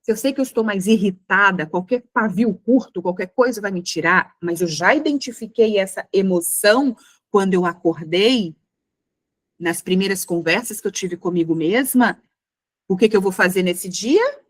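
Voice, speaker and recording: A woman's voice: medium pitch, animated, normal speed, no echo. A middle-aged Brazilian woman giving an earnest motivational talk to a women's community, acting out little scenes in quoted voices. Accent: Brazilian Portuguese. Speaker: mentor speaking to a women's community.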